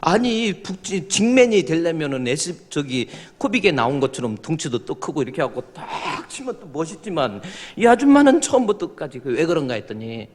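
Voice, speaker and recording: Lively, high-voiced male pastor preaching. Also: brisk, hardly any pauses, in a large hall. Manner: animated, joking storyteller who shouts at peaks. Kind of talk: sermon. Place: church sanctuary.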